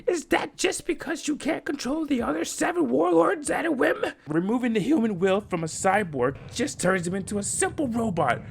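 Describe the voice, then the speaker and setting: A man voicing an outraged older male scientist, protesting in a shrill, shouting voice. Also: animated, normal speed, creaky, few pauses, breathy edge, exaggerated voice.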